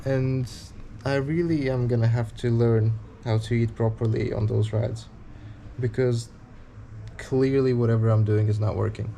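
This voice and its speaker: A man's voice: medium pitch, fairly even intonation, unhurried, creaky, mellow, slight background noise. A man in his twenties talking casually to camera in a travel vlog, candid and rambling, with a blunt edge. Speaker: touring cyclist vlogger.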